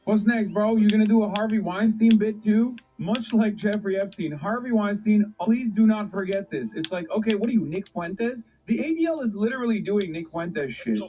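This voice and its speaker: A man's voice: sits high, lively intonation, normal speed, few pauses, mellow, a little hiss or hum, rough recording. A man streaming and reacting to news clips, talking sarcastically and in disbelief, often rambling.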